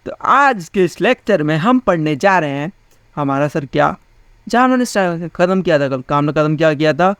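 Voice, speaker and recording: A man's voice: on the high side, lively intonation, normal speed, fairly bright tone, clear, resonant tone, dry recording. A young man teaching a physics class in a casual, chatty way, often asking his students questions. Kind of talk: casual Hindi class lecture.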